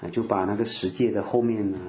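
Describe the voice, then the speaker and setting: A man's voice: lowish voice, steady tone, quick pace, dark tone, reverberant. An older man giving a conversational sermon, full of filler particles and acted-out quotes. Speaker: preacher.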